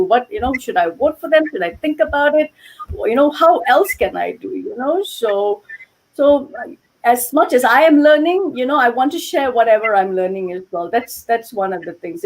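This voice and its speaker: A woman's voice: a little high, a little mellow, rough recording. A middle-aged woman from Malaysia, a guest on a video-call interview, talking earnestly with many asides, heard through a headset mic. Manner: earnest, many "you know" and "okay" asides. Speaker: guest, yarn dyer. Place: home room with yarn shelves.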